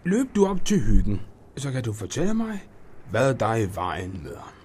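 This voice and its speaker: A man's voice: mid-range voice, huge pitch swings, a little mellow, slight background noise. A man voicing a fussy, worn-out old grandmother who chatters on in a flustered way.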